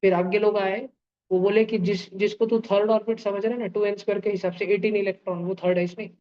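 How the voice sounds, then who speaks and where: A man's voice: sits high, level tone, fast. Playful male chemistry teacher, lo-fi. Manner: playful, uses sound effects and homely analogies; keeps checking with students through questions. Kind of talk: live online class lecture.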